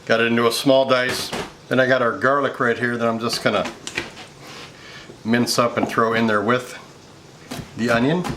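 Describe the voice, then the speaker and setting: An American man in his fifties hosts a cooking show in a casual, explanatory way. His voice sits at an ordinary middle pitch. He is recorded in a home kitchen, with clear noise and clatter behind him. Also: level tone, normal speed, long pauses. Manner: explanatory, conversational step-by-step narration. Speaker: cooking show host, chef. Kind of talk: casual cooking show host talking through a recipe.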